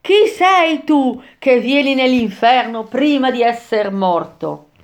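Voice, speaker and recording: A woman's voice: on the high side, sing-song, measured pace, voice pushed up. A woman voicing an arrogant, wrathful damned man rising from a swamp, sneering and defiant. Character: arrogant wrathful male damned soul in mud.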